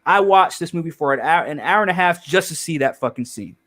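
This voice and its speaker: A man's voice: fairly high pitch, expressive, a little fast, a bit bright. Emphatic rambling man reviewing films. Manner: rambling, emphatic, profane, many restarts. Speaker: podcast host. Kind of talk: casual film review chat.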